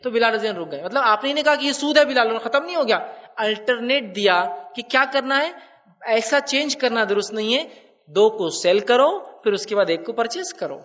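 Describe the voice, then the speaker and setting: A man giving an animated religious lecture, repeating his points and asking listeners rhetorical questions. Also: very high voice, recorded from a distance, dull audio. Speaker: Islamic lecturer.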